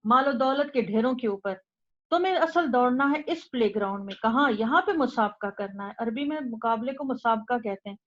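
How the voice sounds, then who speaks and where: A woman delivers a Quran lecture in an urgent, exhorting way, driving her points home through repetition. Her voice sits fairly high. The recording is dull and lo-fi. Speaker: Quran teacher.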